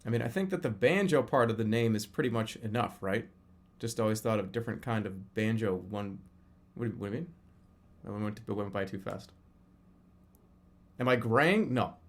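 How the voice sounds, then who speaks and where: A man in his thirties gives casual livestream chat commentary, rambling and frequently restarting or repeating phrases. He speaks at normal speed in a fairly low voice.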